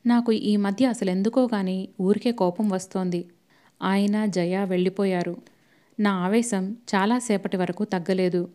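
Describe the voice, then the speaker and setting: A woman narrating a novel as an audiobook, reading in a steady, even storytelling manner. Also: medium pitch, a little slow.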